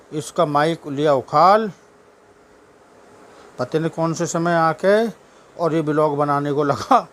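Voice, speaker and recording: A man's voice: fairly high pitch, a little hiss or hum. A man chatting casually at home, narrating his pet dog's antics and talking fondly to the dog.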